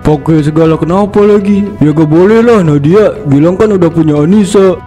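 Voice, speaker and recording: A man's voice: a little high, brisk, mellow, soft background music, natural voice. A man voicing a schoolboy and an angry, harsh father in a cartoon parody soap. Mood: scolding. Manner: scolding, harsh. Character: boy Dio, then an angry abusive father.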